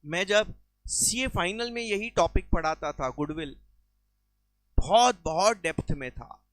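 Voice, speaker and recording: A man's voice: high voice, expressive, a little slow, fairly bright tone, no echo. A man teaching a recorded exam-prep lecture, explaining with everyday examples and mixing English terms into his speech.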